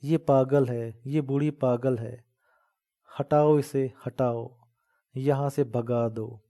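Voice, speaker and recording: A man playing hostile shrine guards in an audiobook, shouting at an old woman with contempt. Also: medium pitch, steady tone, lightly acted. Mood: harsh threats.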